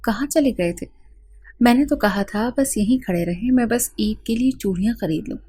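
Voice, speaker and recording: A woman's voice: a little high, dark tone, husky, no echo. A woman narrating a first-person audiobook in an earnest, plaintive storytelling manner.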